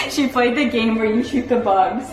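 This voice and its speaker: A woman's voice: on the high side, measured pace, music in the background. A young adult woman vlogging at home in a casual, chatty way, with lots of "like" fillers. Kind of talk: casual vlog chat. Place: home, indoors. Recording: roomy echo, distant from mic, faint noise.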